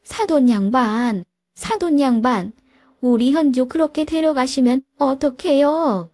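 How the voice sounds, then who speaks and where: A woman's voice: high voice, unhurried, warm tone, dry recording, clean studio sound, voice pushed up. A woman putting on a wailing, scheming older mother-in-law. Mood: pleading. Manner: pleading, melodramatic wailing. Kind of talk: storybook role-play.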